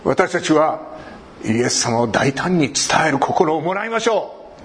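A man's voice: on the high side, big pitch swings, measured pace, a little hiss or hum. A man preaching a sermon. He talks animatedly, cracks jokes and acts out short everyday conversations. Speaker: pastor.

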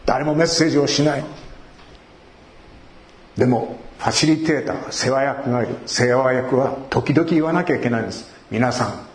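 A male pastor preaching a sermon in a conversational way, asking rhetorical questions and rising sharply in pitch for emphasis. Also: moderate pace. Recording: echoey room.

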